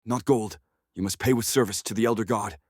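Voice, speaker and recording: A man voicing a sly, coaxing drow spider-creature who serves a dark god in a fantasy story. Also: fairly low pitch, brisk, slightly rough, dry recording, studio quality.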